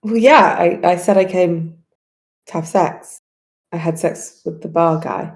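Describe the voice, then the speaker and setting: A woman's voice: fairly low pitch, a little slow. A woman voicing a blunt, unbothered young woman rogue who answers offhandedly. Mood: offhand. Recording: echoey room.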